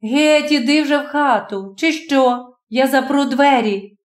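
A woman's voice: high voice, measured pace. A woman voicing a pious, anxious older village landlady who frets and prays. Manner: fretful, praying. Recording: roomy echo.

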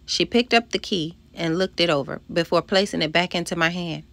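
A woman's voice: fairly low pitch, brisk, a bit bright. A woman narrating a first-person storybook, reading expressively and voicing the dialogue. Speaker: audiobook narrator.

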